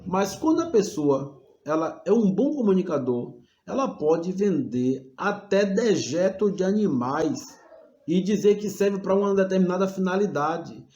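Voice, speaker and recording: A man's voice: sits high, dark tone, roomy sound. A man teaching a class on preaching in a preacherly way, calling his listeners brothers and shifting his tone and pace. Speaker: homiletics teacher. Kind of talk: recorded class lecture.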